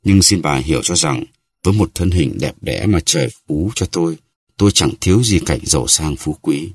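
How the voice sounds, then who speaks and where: A man's voice: a bass voice, normal speed, husky, no room sound, full character voice. A man voicing a vain, boastful musketeer who talks haughtily and acts offended. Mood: haughty.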